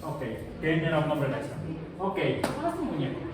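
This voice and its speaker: This middle-aged man, lecturing on science, is talkative and full of jokes, regularly putting questions to his class. His voice is slightly high with huge swings in pitch at a moderate pace, and the echoey room is captured from a distance with faint noise.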